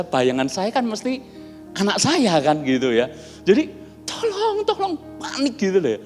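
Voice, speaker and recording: A man preaching a sermon, telling stories in a chatty, animated way and acting out dialogue. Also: on the high side. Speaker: pastor. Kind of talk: sermon with storytelling. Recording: long reverb, soft music behind.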